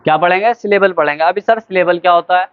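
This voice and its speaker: A male teacher with a high, clear, smooth voice walks students through a grammar lesson. He quizzes them, answers his own questions, and spells words out slowly letter by letter. The recording is thin and tinny, like a phone line. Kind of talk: classroom lesson.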